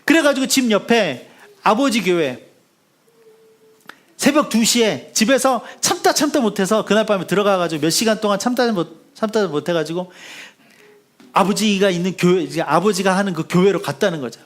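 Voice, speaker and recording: Guy pastor preaching, high voice, really animated, swings all over, acts out the story, goes quiet and soft at the end. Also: moderate pace. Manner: drops to a hushed, soft delivery when closing. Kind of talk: sermon.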